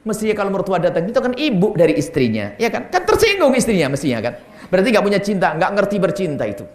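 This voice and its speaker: A male preacher with a fairly high voice delivers an animated sermon in an echoey hall. He answers questions from the congregation and slips into short acted dialogues between husbands and wives. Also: fast.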